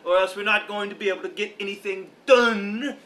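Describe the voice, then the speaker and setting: A man's voice: sits high, steady tone, a little fast, fairly bright tone. A man playing an irritable, haughty duke who complains his way through a period comedy sketch. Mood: irritated.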